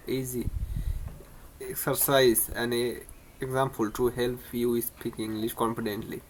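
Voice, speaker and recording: A man teaches beginner English on his own channel in a casual spoken lesson. His delivery stays flat, with little rise or fall, and he often stumbles and repeats words. A faint noise sits under the recording. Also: medium pitch. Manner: repetitive, many restarts and stumbles.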